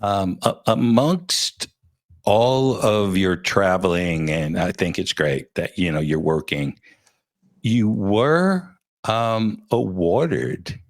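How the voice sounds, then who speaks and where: A man's voice: low-pitched, takes it slowly, dry recording, clean studio sound. A man hosting a casual interview, chatty and joking as he thinks aloud. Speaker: interview host.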